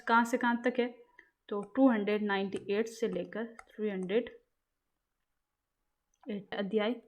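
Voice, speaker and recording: In a casual exam-prep lecture, a woman with a fairly high-pitched, darkish voice quizzes her listeners. She repeats questions to the class and then answers them herself.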